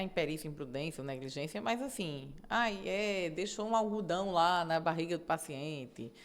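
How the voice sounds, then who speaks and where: A middle-aged woman judge, a guest in a conversational interview, explaining in an animated way and often checking in with tag questions. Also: on the low side.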